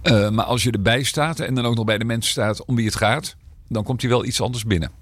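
A man's voice: mid-range voice, fairly quick, a bit bright, no room sound. A man serving as mayor, talking in a podcast interview with a slight cold, hesitant and full of fillers and restarts. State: slight cold, rough throat.

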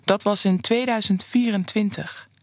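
A narrator reading a scripted fiction story in a measured, even storytelling manner. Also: medium pitch, dry recording, studio quality.

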